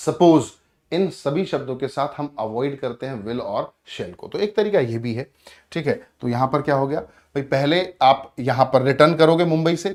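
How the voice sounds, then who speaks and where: A man's voice: on the high side, darkish tone. A man teaching English grammar for exams. He asks his own questions, answers them step by step, and calls his students friends. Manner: addresses students as friends and brother. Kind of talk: exam-prep grammar lesson.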